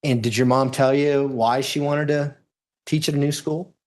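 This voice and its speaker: A man's voice: mid-range voice, steady tone, moderate pace. Man lawyer in courtroom questioning. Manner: formal, step-by-step questions.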